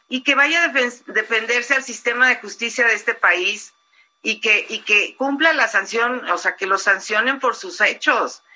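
A woman with a Mexican accent, speaking forcefully and emphatically as a guest in an interview. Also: a little high, slight background noise, low-quality recording.

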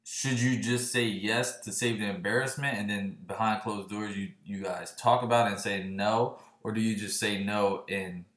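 A man in his late twenties co-hosting a podcast, talking casually in halting, self-correcting sentences. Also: fairly low pitch, fairly even intonation, a bit bright, roomy sound. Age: late 20s. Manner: halting, restarts often. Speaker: podcast co-host. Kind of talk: casual chat.

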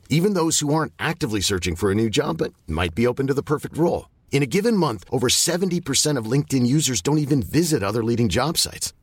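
A man narrates a scripted commercial. His voice is husky and animated in pitch, recorded dry and close. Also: no echo. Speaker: advert voice-over.

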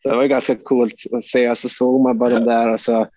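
A man's voice: medium pitch, little pitch movement, mellow, no echo. A man from Sweden rambles through a story as a podcast guest, full of fillers and blunt curses. His voice is dry and close, with a dull, slightly muffled sound. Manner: rambling, swears freely, many fillers. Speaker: hockey player guest. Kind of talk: casual anecdote telling.

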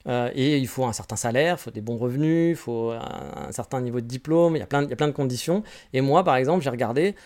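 A man from France, in his forties, answers questions from listeners on his casual solo podcast. His medium-pitched voice has a darkish tone and a quick pace with few pauses, and his candid advice rambles as he keeps restarting his sentences.

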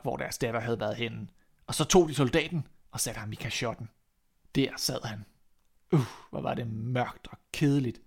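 A man reading a classic fairy tale aloud as narrator, in an expressive, measured storytelling manner. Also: medium pitch.

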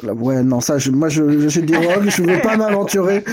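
A man co-hosts a casual chat about video games. His voice is mellow and warm yet sits slightly high. He explains things thoughtfully, hedging as he goes. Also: lively intonation, normal speed, breathy edge. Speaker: podcast co-host.

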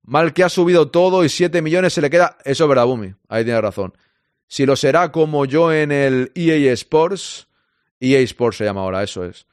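A man's voice: a little high, moderate pace, clear, resonant tone, dry recording. Man from Spain, football stream host: chatty, responsive to chat, dry close sound. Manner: chatty, reads out and answers listener comments. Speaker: podcast host reading listener chat.

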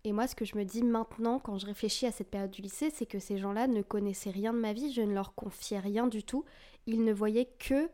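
In a dark-toned, mid-range voice with fairly even intonation, a twenty-something French woman speaks fairly quickly. As a podcast host, she shares a personal story in a candid, casual way, using lots of fillers.

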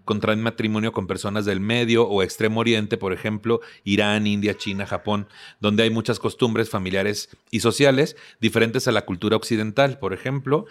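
A man's voice: lowish voice, fairly even intonation, normal speed, hardly any pauses. A man with a Mexican accent hosting a casual chat, joking with his guests and reading advice passages aloud. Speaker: podcast host.

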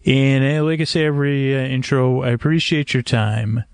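This podcast host, his voice creaky and mid-range, softly rambles toward sleep in a calming bedtime monologue set on a screened porch at night. He comes across as hesitant, wandering, measured, and mildly self-deprecating, and the recording is dry, clean studio sound.

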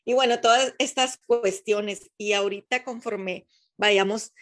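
Woman co-host, conversational, medium pitch. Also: steady tone, a little slow. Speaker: podcast co-host. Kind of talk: casual chat.

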